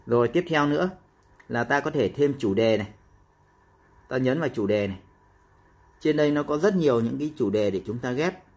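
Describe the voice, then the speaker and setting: A man explaining a phone app step by step in a casual tutorial, with frequent pauses and fillers. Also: mid-range voice, animated, a little mellow.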